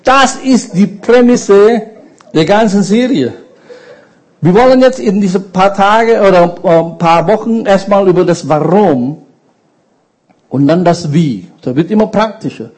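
A man preaching a sermon, slow and emphatic, often asking the congregation questions. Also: high-pitched, a little mellow, poor audio.

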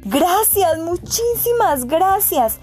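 A woman voicing an eager, excitable young boy in a storybook reading, exclaiming as he speaks. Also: high voice, measured pace, soft background music, voice pushed up. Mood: excited.

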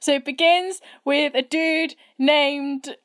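A woman's voice: high-pitched, steady tone, slow. A woman co-hosting a podcast in casual chat, recording on a phone under a blanket in her room, talking in a chatty, giggly, rambling way. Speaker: podcast co-host. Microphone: phone propped on a tissue box.

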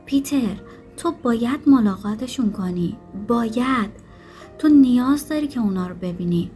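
A woman reading an audiobook, voicing a young female assistant with a slight Dutch accent who speaks calmly and firmly. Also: a little high, soft background music, close to an everyday voice.

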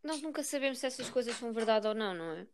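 Young woman, fairly high emphatic voice. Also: animated, racing, a little hiss or hum. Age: teens to young adult, school student. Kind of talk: casual chat among friends.

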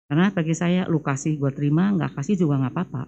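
A woman guest calmly sharing a personal story in a soft-spoken, resigned way. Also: low-pitched, quick pace, creaky, lo-fi sound.

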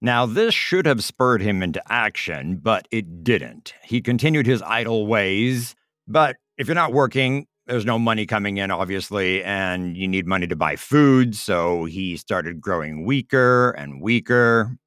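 A man's voice: on the low side, animated, a little slow, fairly bright tone, no room sound, studio quality. A man telling a folk tale in a casual, chatty way, with explanatory asides. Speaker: storyteller.

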